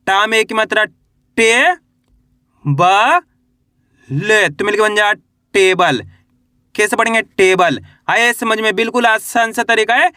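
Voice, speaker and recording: A man's voice: sits high, bright, forceful tone, dry recording, studio quality. A man giving a patient spoken reading lesson, repeating each sound and often checking that the learner understands. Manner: patient, repetitive, often asks "आ रहा है समझ में?". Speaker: Hindi reading teacher.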